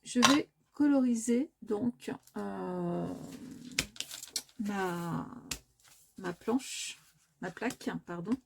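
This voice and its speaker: A woman's voice: medium pitch, extremely slow, creaky, pauses often, background noise. A woman hosting a crafting tutorial, talking casually and hesitantly with many filler sounds and self-corrections as she works. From France. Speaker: crafting video host.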